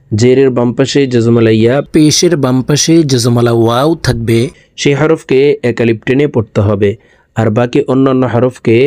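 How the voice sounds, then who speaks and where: Man slowly spelling out Quran reading lessons. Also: mid-range voice, warm tone, no echo, studio quality. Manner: slow, drawn-out syllable recitation between quick explanations. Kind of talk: recorded lesson, spelling out letters.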